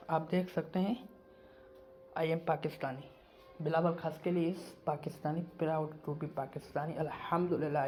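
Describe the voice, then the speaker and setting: A Pakistani man talks casually to camera in a YouTube vlog monologue, his voice a little high and mellow, with a slight hiss or hum. He's emphatic and repetitive, circling back to the same points again and again.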